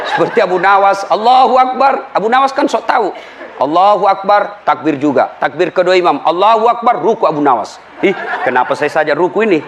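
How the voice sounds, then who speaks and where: High-voiced preacher, lively and funny. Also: male voice, slight background noise. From Indonesia. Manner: lively storytelling, acts out voices of people he quotes. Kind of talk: humorous sermon.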